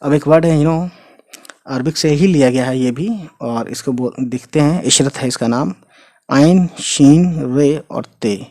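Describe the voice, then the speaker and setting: A man teaching Urdu words, explaining their meanings and spelling the letters out slowly as he writes, often adding "ठीक है" and "you know". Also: mid-range voice, darkish tone, no echo. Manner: spells letters out slowly, often adds 'ठीक है' and 'you know'. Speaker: language teacher. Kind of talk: explaining Urdu words while writing them.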